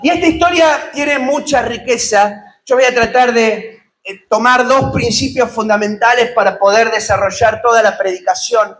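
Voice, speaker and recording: A male pastor with a Rioplatense Spanish accent, preaching a lively sermon and asking the congregation rhetorical questions. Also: very high voice, normal speed. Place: church.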